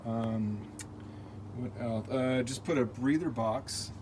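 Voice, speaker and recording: American man, mid-pitched, casual upbeat car vlogger, slangy, faint vehicle noise behind. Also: takes it slowly. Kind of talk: casual unscripted walkaround update.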